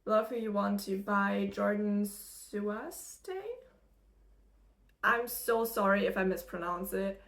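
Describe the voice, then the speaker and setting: Speaking into a camera she uses as a mirror, close-up, a young woman from Germany with an American English accent does her makeup and chats in a get-ready-with-me video. She's a spiritual channeler and content creator whose mid-range, slightly bright voice has a flat delivery and slow pace. Still, she rambles casually, laughs a lot and fills her talk with fillers.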